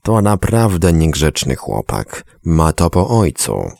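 A man's voice: very deep voice, very animated, takes it slowly, creaky, a little mellow, dry recording, heavily acted. A man voicing a stern grandmother in her fifties who scolds dryly and curtly in a storybook reading. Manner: dry, scolding.

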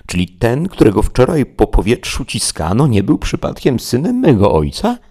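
A man reading a storybook aloud, voicing an excitable, fretful peasant squire with loud, alarmed exclamations. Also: medium pitch, moderate pace, husky, voice pushed up, full character voice. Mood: indignant.

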